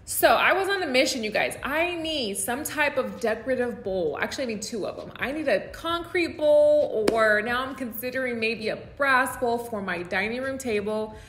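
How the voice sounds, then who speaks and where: An American home decor vlogger in her thirties speaks casually to camera indoors at home, frequently using "like" and "you guys." Her fairly high, expressive, fairly bright voice moves at a normal pace with hardly any pauses, carrying roomy echo and a little hiss or hum.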